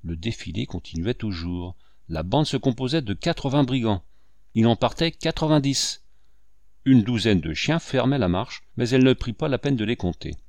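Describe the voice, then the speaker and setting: A man narrating a classic novel in a lively, theatrical audiobook reading. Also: medium pitch, moderate pace, dry recording. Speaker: audiobook reader. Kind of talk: expressive literary narration.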